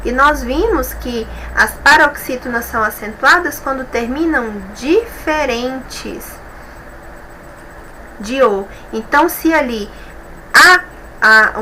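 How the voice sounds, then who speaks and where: A Brazilian Portuguese woman teacher working through exercises with a patient, step-by-step manner, often pausing to check her students follow. Her voice is bright and somewhat high-pitched. A faint hiss of noise sits under the recording. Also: poor audio. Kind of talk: classroom lesson correcting exercises.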